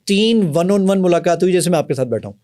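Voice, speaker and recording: A man's voice: high-pitched, animated, dark tone. A middle-aged man from Pakistan, an app founder, eagerly explaining and demonstrating his work in an interview. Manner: eager, explanatory, often agreeing emphatically. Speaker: app founder and software company owner.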